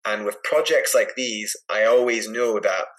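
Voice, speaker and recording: A man with a Scottish accent and a somewhat low voice speaks as a podcast guest. He tells his story casually, rambling and animated, with plenty of filler words. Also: measured pace, low-quality recording. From Edinburgh, Scotland. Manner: animated, rambling, lots of "like" and "you know". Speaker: podcast guest, adventure climber.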